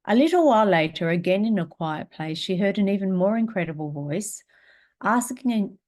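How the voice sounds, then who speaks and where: A woman teaching a spiritual class, guiding a meditation in a slow, calm, gentle way and reading aloud. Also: deep voice, vocal fry.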